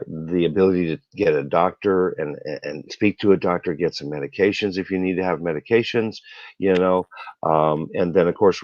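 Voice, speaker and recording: A man's voice: deep voice, darkish tone. A man hosting a casual interview, upbeat and encouraging, often affirming his guest. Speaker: interview host. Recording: dull, dry lo-fi sound.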